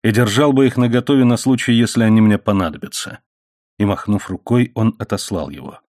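A man reading an adventure novel aloud in measured, dramatic storytelling. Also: fairly low pitch, darkish tone, no echo, studio quality. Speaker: audiobook reader. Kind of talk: scripted audiobook narration.

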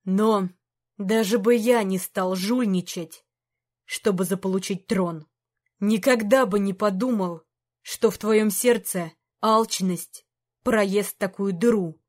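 A woman voicing a stern aging king who speaks slowly and gravely to a knight who disappointed him. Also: medium pitch. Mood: grave reproach. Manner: slow, grave, measured.

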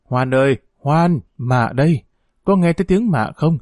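A man's voice: mid-range voice, animated, normal speed, dark tone, husky, no room sound, clean studio sound. A man reading the part of an old peasant mother, fierce and grieving, in a pleading, scolding voice. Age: older.

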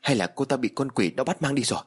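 A man's voice: medium pitch, lively intonation, fast, breathy edge. A man voicing a panicky, anxious young husband who stammers in alarm. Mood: panicked.

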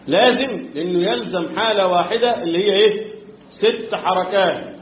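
A man with an Egyptian accent teaching a tajweed lesson, quizzing his students and answering his own questions, chanting verses now and then and often clearing his throat. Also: high voice, normal speed, a little hiss or hum. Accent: Egyptian Arabic. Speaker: Quran recitation teacher. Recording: echoey room, tinny phone-like sound.

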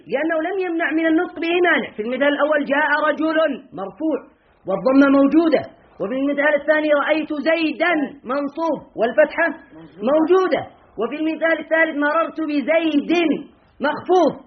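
Male grammar teacher with a very high voice. Asks questions and answers them himself, repeats examples slowly. Muffled lo-fi sound. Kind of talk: classroom grammar lesson. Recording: dull lo-fi recording.

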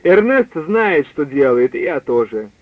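A man's voice: a little high, sing-song, a little slow, no echo. A man voicing a rattled, taunting writer. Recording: dry tinny phone-like line.

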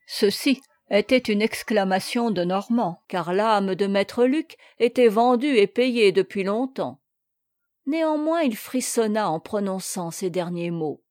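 A woman reading a classic tale aloud in a measured, expressive way. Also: medium pitch, no echo, studio quality. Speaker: audiobook narrator. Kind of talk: storybook reading.

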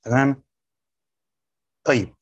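A man's voice: slow, no echo, dull audio. A man with an Egyptian accent teaching a class on Quranic exegesis, repeating his points and quizzing his students. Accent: Egyptian Arabic. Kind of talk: classroom lecture.

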